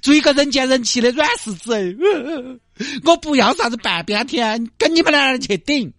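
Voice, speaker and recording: A man voicing a whiny, self-pitying woman truck driver who is stranded on the highway in a comedy skit. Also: animated, moderate pace, fairly bright tone, no echo, clean studio sound, heavily acted. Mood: whiny, tearful. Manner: whiny, self-pitying wailing and dramatic complaints. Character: weepy, helpless woman trucker, middle-aged.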